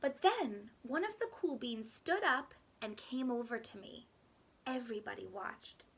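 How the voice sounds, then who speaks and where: Slow, high-voiced woman reading a storybook. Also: vocal fry, slight background noise. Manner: expressive, deliberate storytelling with dramatic pauses. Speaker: teacher reading aloud. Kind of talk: children's picture book read-aloud.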